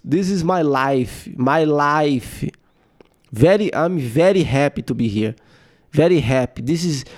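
A man with a Brazilian Portuguese accent, doing a boastful male fighter who speaks slow, halting, repetitive broken English. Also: fairly high pitch, a little mellow.

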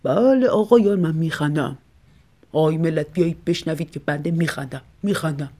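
A woman's voice: low-pitched, warm tone, pitched below the performer's own voice. A woman voicing a grumbling, sarcastic old grandfather in an audiobook story. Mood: muttering. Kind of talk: audiobook reading.

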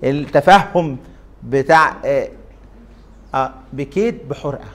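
A man's voice: mid-range voice, measured pace. A man with an Egyptian Arabic accent giving an interactive lecture. He often questions the class and stretches out his fillers.

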